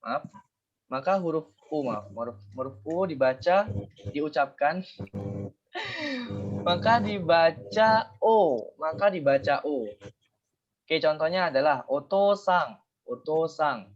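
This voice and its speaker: A man's voice: fairly high pitch, expressive, measured pace, pauses often, dull audio. Guru pria bersuara rekaman kusam. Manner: explains step by step, self-correcting often. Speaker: Japanese language teacher. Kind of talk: online class lesson.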